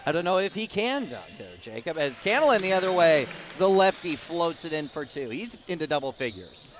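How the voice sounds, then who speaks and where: A man's voice: fairly high pitch, fairly quick. A man calling live basketball play-by-play in clipped running descriptions from courtside in a gym. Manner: clipped running descriptions that rise in excitement with the action. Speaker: play-by-play sports announcer. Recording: noisy gym with bouncing balls.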